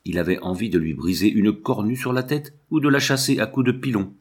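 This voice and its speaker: A man narrating a novel as an audiobook, reading in a measured, expressive way. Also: on the low side, slightly rough.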